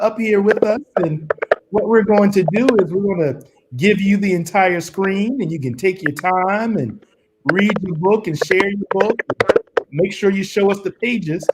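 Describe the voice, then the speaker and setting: Man on a crackly, staticky line. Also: high voice. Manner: encouraging and welcoming toward a child guest. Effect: crackly, staticky phone-like line. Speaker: co-host of a virtual reading event. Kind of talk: casual online event hosting. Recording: crackly noisy call line with clicks.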